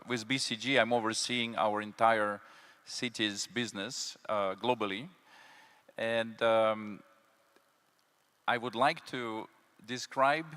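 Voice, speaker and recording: Man, middle-aged, French-sounding accent, bright voice, conference panel speaker who builds his points with emphasis and fillers. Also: fairly low pitch. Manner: speaks with a slide presentation, many fillers. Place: conference hall.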